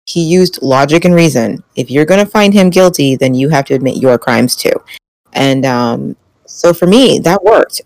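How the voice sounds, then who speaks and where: A woman co-hosting a casual chat show, animated and quick to laugh as she argues her view. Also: deep voice, no room sound. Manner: animated, laughs often, mimics reactions. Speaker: podcast co-host.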